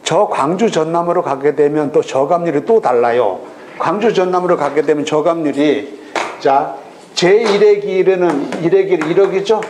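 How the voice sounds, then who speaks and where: A middle-aged man giving a recorded lecture on real estate auctions, lively and full of rhetorical questions. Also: fairly high pitch, normal speed, a little hiss or hum. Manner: lively, rhetorical questions, acts out regional voices.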